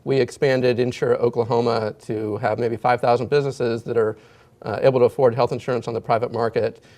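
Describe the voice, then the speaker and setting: A man answering interview questions as a political candidate, with halting phrasing. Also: mid-range voice, level tone, mellow.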